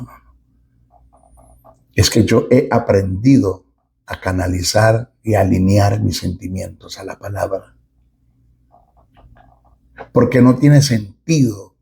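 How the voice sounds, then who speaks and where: Gravelly low-voiced male preacher. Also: dark tone. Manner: emphatic preaching with dramatic pauses. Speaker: pastor. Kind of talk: sermon.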